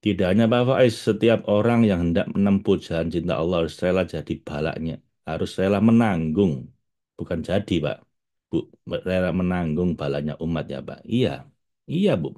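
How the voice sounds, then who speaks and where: A man gives a relaxed spiritual talk. He speaks as a teacher, chatty and direct with his listeners, often breaking into laughter. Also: sits low, a little fast. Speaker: religious teacher.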